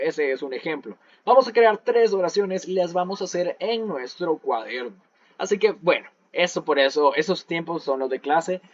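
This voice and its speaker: A man's voice: medium pitch, dry recording. Man teaching, dull lo-fi audio. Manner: patient, repeats each example in English then Spanish. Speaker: English teacher. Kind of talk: online class explanation.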